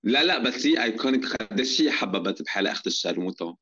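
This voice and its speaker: A man's voice: on the low side, lively intonation, quick pace, pushed and bright, dull audio. A man with a Levantine Arabic accent in casual chat, slipping often into English slang. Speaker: guest.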